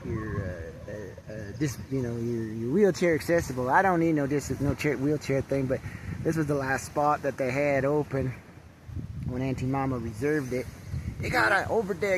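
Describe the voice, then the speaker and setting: An older man vlogging outdoors at a campsite on a handheld camera, rambling and profane, stumbling over restarts. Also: medium pitch. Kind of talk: rambling casual vlog. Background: faint wind and birds.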